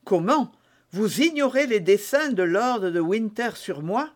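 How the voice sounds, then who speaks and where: Raising his voice into a high, expressive register, a male audiobook narrator takes an unhurried pace as a scheming, desperate woman in prison. Her tearful, theatrical pleas and prayers carry a pleading, indignant mood.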